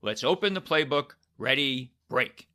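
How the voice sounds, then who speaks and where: Over background music, a man with a medium-pitched, expressive voice talks at a measured pace. He's a podcast host who reads an upbeat intro from a script and then slips into a relaxed interview with his guest, now and then pausing on fillers.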